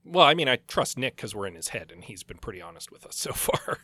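Casting: man, bright forward voice, wry podcast co-host chatting about books, dry studio-close sound. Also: lowish voice, big pitch swings, fast talker, slightly rough, dry recording. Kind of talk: casual book discussion.

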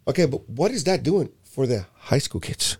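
Guy from puerto rico, youth basketball coach type, talks emphatic and keeps repeating words mid thought, normal middle pitch. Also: moderate pace, husky. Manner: animated, emphatic, repeats words when restarting. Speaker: youth basketball program director. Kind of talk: casual conversation.

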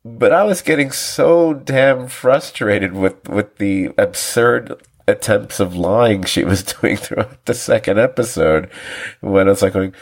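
A man's voice: fairly low pitch, measured pace. A man co-hosting a TV review podcast, rambling casually with restarts, laughing often and acting out quoted lines. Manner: acts out quoted lines with animated voices. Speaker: podcast co-host.

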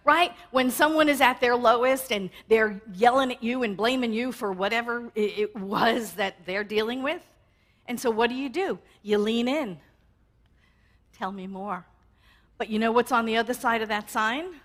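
A woman minister preaching in a relaxed, conversational way, her voice sitting a little high. She laughs easily and keeps turning to her listeners with "right?", talking with them more than at them. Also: normal speed. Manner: warm, conversational, with frequent laughs and "right?" asides. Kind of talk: sermon.

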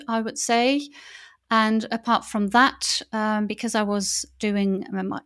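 A Dutch woman in her thirties, a native Dutch speaker with a medium-pitched voice, speaks English in a podcast interview about her work as a wedding officiant. She sounds enthusiastic and uses many fillers and restarts.

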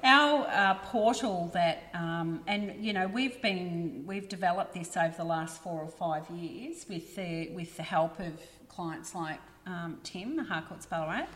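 Chatty woman, lowish voice. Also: measured pace, hardly any pauses, a bit bright, in a large hall. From Australia. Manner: chatty, many fillers like um and you know. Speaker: guest, printing business representative. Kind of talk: casual podcast conversation.

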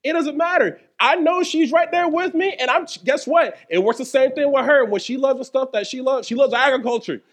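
A man with an extremely high-pitched voice preaches a sermon in a church service, talking fairly quickly with hardly any pauses. The pastor is playful and jokey, calling out to the congregation.

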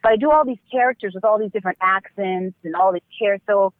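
A woman's voice: mid-range voice, quick pace. A woman actress and dancer talking in a chatty, effusive way as a guest in a phone interview. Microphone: telephone. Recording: tinny dry phone line.

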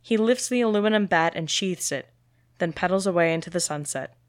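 Woman reading screenplay stage directions, lowish voice, dry close sound, steady delivery. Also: a little fast, no room sound. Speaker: script reader.

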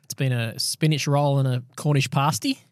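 A man's voice: mid-range voice, steady tone, moderate pace, no echo, clean studio sound. A man, a pastor hosting a podcast, talking casually and explaining things in an affirming way. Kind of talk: casual conversational podcast chat.

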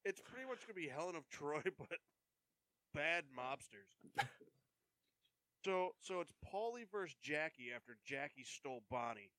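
A man's voice: a little high, big pitch swings, unhurried, long pauses, bright, forceful tone, no echo. A man chatting casually with friends, rambling and hesitant with lots of fillers, amused. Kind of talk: casual chat.

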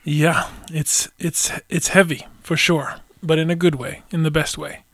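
A man's voice: a little high, fairly even intonation, a little slow, fairly bright tone, dry recording. A man, a guest on the show, chatting casually and hesitantly, with many restarts. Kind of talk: casual chat.

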